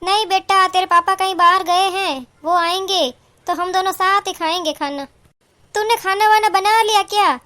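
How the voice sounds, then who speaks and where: A woman does cartoon voice acting as a middle-aged mother who dotes on her daughter and indignantly scolds the daughter's in-laws. Her voice is extremely high, bright and forceful, at a moderate pace.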